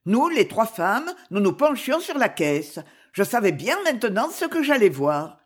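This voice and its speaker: Woman narrator for an audiobook, expressive storytelling, lively melody. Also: fairly high pitch, unhurried, slightly rough.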